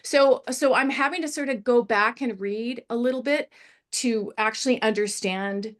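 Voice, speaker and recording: In a discussion about a script, a female story editor offers feedback in a slightly high voice. Her delivery is halting yet emphatic, and she frequently reaches for examples to make her points.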